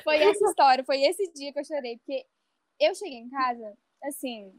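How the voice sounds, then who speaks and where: Young woman, high voice, dry close sound, self-mocking podcast storyteller. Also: expressive, normal speed, no room sound. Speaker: podcast co-host. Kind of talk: casual podcast chat.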